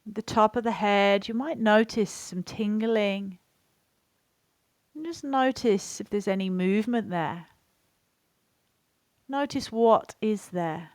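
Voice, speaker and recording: A yoga and meditation teacher guides a body scan in a mid-pitched, gentle, soothing voice, unhurried and spaced with pauses. The recording is dry, with very little room sound and no echo.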